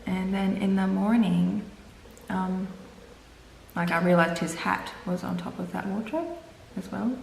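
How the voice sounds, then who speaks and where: A woman's voice: mid-range voice, fairly even intonation, measured pace, gravelly. A young adult woman chatting informally and telling personal anecdotes in a hesitant, filler-heavy way. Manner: informal, hesitant, uses "like" heavily. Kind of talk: casual chat, personal anecdote. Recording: echoey room with faint noise.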